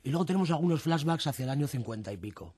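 Husky, hesitant Spanish man. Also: on the high side, lively intonation, rapid-fire, a little mellow. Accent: Spain. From Bilbao, Spain. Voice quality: husky, boozy-sounding late-night voice. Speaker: novelist, studio guest. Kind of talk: casual radio interview.

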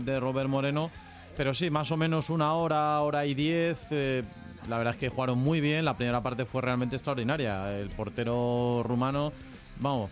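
A male sports journalist with a Spain accent talks through match analysis. His voice sits at a middle pitch, with faint music in the background.

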